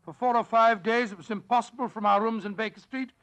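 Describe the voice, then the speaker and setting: Genial old English doctor and loyal companion, avuncular radio storyteller, high-pitched and forceful in tone. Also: male voice, fast talker. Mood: grave storytelling. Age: older. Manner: avuncular, hesitant, repeats phrases. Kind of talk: 1940s radio drama acting.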